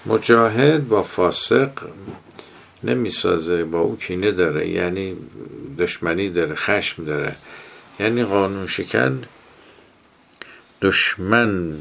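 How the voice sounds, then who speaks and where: A man with a very low, gravelly voice delivers a religious lecture on management. He quotes Arabic sayings and moves between sudden emphatic rises and quiet, trailing drops. The rasp sits under every word.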